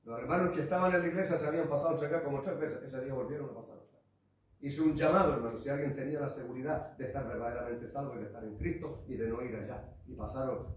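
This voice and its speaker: A man preaching a sermon as pastor, passionate, rising to loud cries and dropping to low asides, calling his listeners brother and church. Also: slight background noise. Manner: addresses the congregation as "hermano" and "iglesia". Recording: echoey hall, voice far from the mic, muffled.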